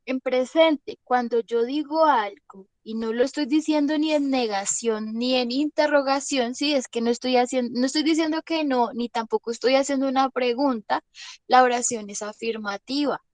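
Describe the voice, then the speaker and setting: This woman's voice sits high yet has a darkish tone, moving at a moderate pace as she teaches an English lesson online. She's patient, constantly checking understanding with tag questions. No echo is present.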